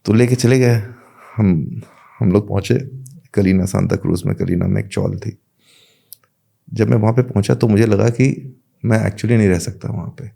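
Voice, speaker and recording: A man's voice: lowish voice, fairly even intonation, moderate pace, vocal fry, dark tone, husky. A man, a podcast guest, casually telling a personal anecdote and acting out the back-and-forth of what people said. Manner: retells events with many quoted exchanges.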